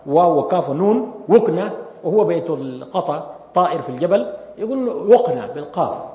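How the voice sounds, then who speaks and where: A man teaching a grammar class, questioning his students as he lectures. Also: a little high. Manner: lively, asks the class questions. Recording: echoey hall, dull lo-fi sound.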